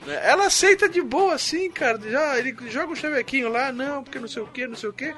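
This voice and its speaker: A man's voice: very high voice, sharp tone, soft background music. A Brazilian man chatting casually about a film, chiming in with crude slang and jokes. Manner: quick slangy interjections, crude humor. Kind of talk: casual film recap chat.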